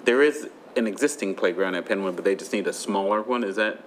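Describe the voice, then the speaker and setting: Male board member, lowish voice, posing a question in a faintly noisy meeting room. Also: fairly quick. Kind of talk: asking questions at public meeting.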